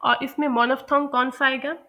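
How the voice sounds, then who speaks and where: Pakistani woman, English pronunciation tutor, clear bright tone, slightly high, patient and repetitive delivery. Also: level tone, fairly quick. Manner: patient, repeats and corrects herself. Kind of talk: explanatory lesson, mixing Hindi-Urdu with English.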